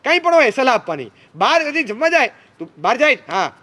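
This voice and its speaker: Give me a quick-talking man with a high voice, giving a teasing, light-hearted sermon to youngsters. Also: sing-song, bright, forceful tone. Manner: playful, teasing, mimics parents and teens. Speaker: speaker addressing young people. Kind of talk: humorous sermon.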